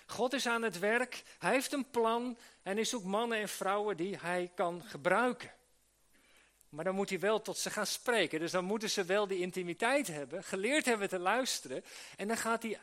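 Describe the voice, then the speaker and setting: A man's voice: high voice, a bit bright. A man preaching a sermon to church workers, earnest, with many restarts and rhetorical questions to the listeners. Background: live audience he addresses.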